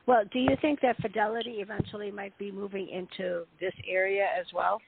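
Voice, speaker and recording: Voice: medium pitch, flat delivery, a little fast, vocal fry, background noise. A call moderator who asks questions and keeps up a stream of short acknowledgements. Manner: frequent brief acknowledgements, questioning. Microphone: phone call. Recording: dry, tinny phone line.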